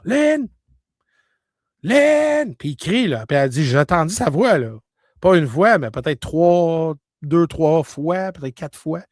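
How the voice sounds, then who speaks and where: A man shares a personal story in a relaxed, conversational Québécois French manner, frequently checking on his listener and dropping in "là" and "tu comprends." His fairly high voice moves at a moderate pace, flaring into loud bursts and sinking to hushed tones, in a dry, studio-quality recording.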